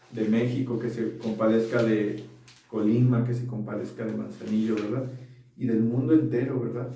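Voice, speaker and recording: With a mellow, medium-pitched voice, a man preaches as pastor, earnestly checking that his audience follows and often asking them to agree. He's recorded in an echoey room by a far-off mic.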